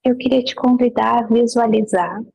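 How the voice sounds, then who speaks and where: A woman guides a meditation in a mellow, breathy voice set a little high. A gravelly fry runs under her gentle, unhurried instructions, which come with long pauses between them. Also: steady tone, poor audio.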